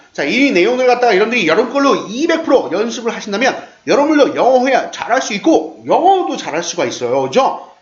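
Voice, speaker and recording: A man with a high voice teaches a beginner English lesson. He runs through brisk explanations, then repeats each phrase slowly and keeps checking whether the learners have it. The sound is roomy and a bit dull, like a lo-fi recording. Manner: slow drilled English repetitions between brisk Korean explanations; coaxing, checks in with the learners often.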